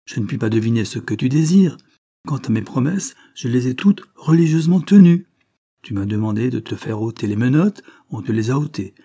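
A man reading aloud and voicing a calm, shrewd police agent who lectures a violent convict in a cool, reproachful tone. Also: mid-range voice, a little fast.

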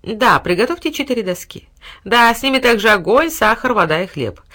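A woman voicing a sly, flattering male cat who talks in a sugary, scheming way. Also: a little high, a little fast, voice pushed up. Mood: fawning. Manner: sugary, fawning, scornful aside.

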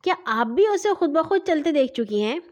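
A woman's voice: sits high, big pitch swings. A woman voicing an irritated older sister in a children's story. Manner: impatient.

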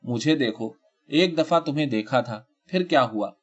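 A man voicing a worried, comforting husband in a spoken short story, soft and husky, on a dull lo-fi recording. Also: mid-range voice, lively intonation. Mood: tender. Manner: soft, husky, gently reassuring.

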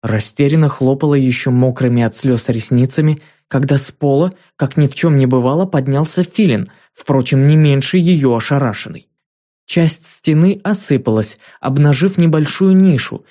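A man narrating a children's fantasy audiobook in a measured, dramatic storytelling manner. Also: medium pitch, lively intonation, warm tone. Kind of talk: scripted narration.

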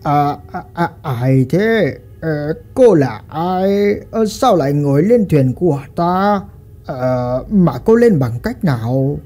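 A woman's voice: on the high side, big pitch swings, measured pace, mellow, pitched above the performer's own voice. A woman voicing a frightened old fisherman who stammers and panics, in a told ghost story. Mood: puzzled, scared.

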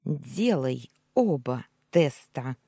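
A woman's voice: deep voice, sing-song, unhurried, mellow, husky, dry recording, clean studio sound, full character voice. A woman voicing a bitter, scornful young wife of twenty-one who talks sharply and hisses her demands. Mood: bitter, angry.

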